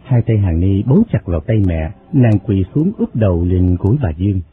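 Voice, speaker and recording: A male narrator with a lowish voice reads a novel in a steady, measured way. The sound is narrow and phone-like, with soft music running underneath. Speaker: audiobook narrator.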